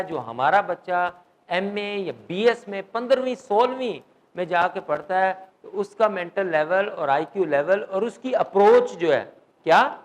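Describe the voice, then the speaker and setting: Male English teacher, high voice, classroom grammar lecture, keeps quizzing students. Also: poor audio. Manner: quizzes students, mixes English terms into Urdu.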